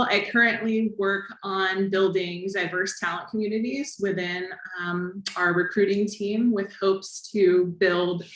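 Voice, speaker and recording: A woman's voice: mid-range voice, a bit bright. A woman speaking on a panel in an upbeat way, with frequent fillers. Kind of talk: panel discussion. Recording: echoey room.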